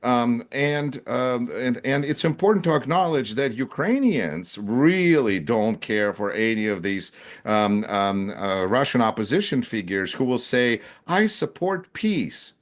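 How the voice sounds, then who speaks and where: A man hosting a political conversation, his voice sitting mid-range. He talks in an animated, sarcastic way and slips into mocking impressions of the people he quotes. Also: mid-range voice, measured pace. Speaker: host. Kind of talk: political talk show conversation.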